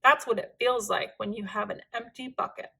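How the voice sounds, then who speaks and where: A woman reading a children's storybook aloud in an expressive, deliberate, dramatic way. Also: a little high, vocal fry, breathy edge. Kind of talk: expressive scripted read-aloud narration for children.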